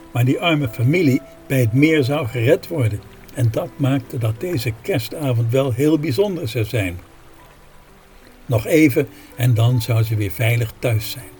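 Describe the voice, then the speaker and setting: A man reading a story aloud in a calm, measured way. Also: mid-range voice.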